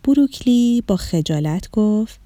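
A woman narrating a children's story in an expressive, gentle storytelling voice. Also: mid-range voice, no echo, studio quality.

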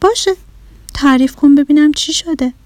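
A woman voicing a patient adult listener in a children's story, asking calm, drawn-out questions. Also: high-pitched, no room sound, lightly acted. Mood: curious.

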